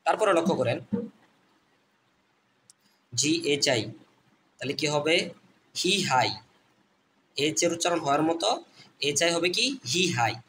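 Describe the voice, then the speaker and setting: Man teaching phonics, slow and repetitive. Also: fairly high pitch, fairly bright tone, a little hiss or hum. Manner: repeats letter sounds slowly, addresses viewers as friends. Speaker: online teacher. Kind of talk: phonics lesson.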